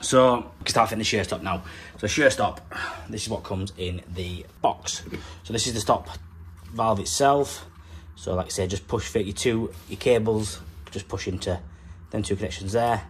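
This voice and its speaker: A young man talks through his plumbing work in a relaxed, practical vlog manner. His voice sits fairly low, and he explains each step plainly as he goes. A faint hum of background noise runs under the phone recording. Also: normal speed. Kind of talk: casual vlog narration. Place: factory floor, then a house kitchen.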